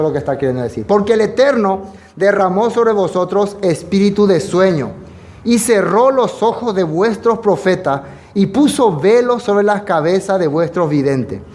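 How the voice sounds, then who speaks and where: A man preaching a sermon, reading verses slowly and emphatically, then explaining them conversationally with rhetorical questions. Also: high voice, a little mellow. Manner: speaks directly to the listener, with rhetorical questions.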